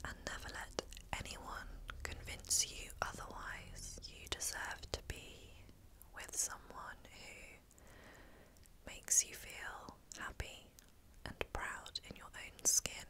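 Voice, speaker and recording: Woman whispering a soothing pep talk asmr style, super slow, breathy, right up close on the mic. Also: rough recording. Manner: slow, soothing, encouraging delivery with pauses. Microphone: close-up microphone.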